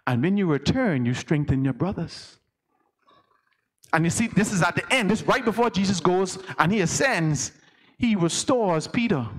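A man with a Bahamian accent, an elder preaching a conversational sermon and asking the congregation questions. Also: sits high.

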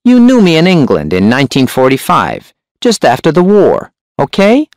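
A man voicing a shrewd, menacing hunchback crime boss with a sharp, high voice. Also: wildly swooping pitch, moderate pace, dry recording, clean studio sound.

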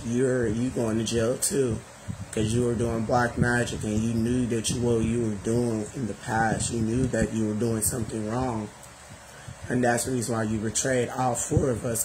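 A man's voice: medium pitch, background noise. A man in bed at home, giving a profane, accusatory and repetitive monologue rant. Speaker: vlogger.

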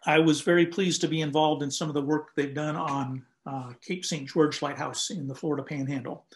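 A man's voice: a little high, steady tone. Older man explaining history on a video call. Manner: measured, explanatory, frequent "um" and "uh". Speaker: lighthouse historian guest. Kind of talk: conversational historical account. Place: home room, indoors.

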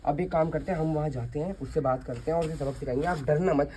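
A man's voice: fairly high pitch, fast, mellow, a little hiss or hum. Commanding young man confronting. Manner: urgent, commanding. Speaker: prank video host. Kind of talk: staged street confrontation.

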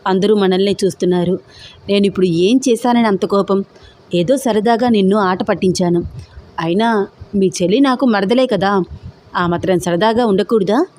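A woman voicing a stubborn, teasing young man in love, playful and persistent, with a mellow tone. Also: medium pitch, normal speed, a little hiss or hum, lightly acted.

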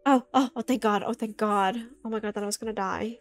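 A woman's voice: mid-range voice, quick pace. A young woman chatting casually through a game, easily startled, often yelping and screaming in alarm. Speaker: gaming YouTuber. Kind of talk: casual let's play commentary. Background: soft background music.

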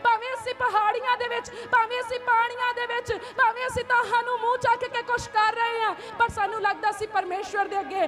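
A woman pastor preaching an impassioned sermon, building her points in repeated rhythmic phrases. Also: very high-pitched. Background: music playing under the speech.

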